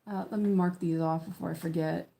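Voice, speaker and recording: A woman with a lisp that slurs her s toward sh, chatting casually and haltingly as she stitches, often correcting herself and thinking aloud. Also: lowish voice, fairly even intonation, gravelly, dark tone. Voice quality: lisp, slushy sh for s. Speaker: craft streamer. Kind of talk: casual rambling chat while stitching.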